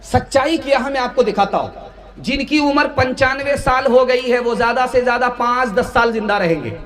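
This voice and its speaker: A male preacher with a very high-pitched, slightly bright voice speaks at normal speed to a large religious gathering over a loudspeaker system. His sermon moves between declamatory, melodic chanting of verses, sung poetry and plain storytelling with anecdotes. The public-address sound echoes, with faint music behind it.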